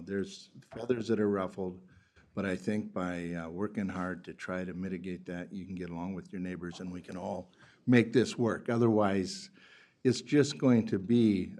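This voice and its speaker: A man's voice: deep voice, a little mellow. A man county commissioner speaking at a public board meeting, earnest and urging, repeating himself as he goes.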